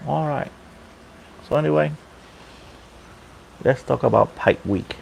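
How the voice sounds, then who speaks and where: A man talking casually off the cuff on a livestream, halting and unhurried, keeping his voice down outdoors on a balcony. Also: medium pitch, creaky, a little mellow, rough recording. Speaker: livestream host and pipe hobbyist. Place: outdoor balcony at night near a pool. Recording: faint water noise in background.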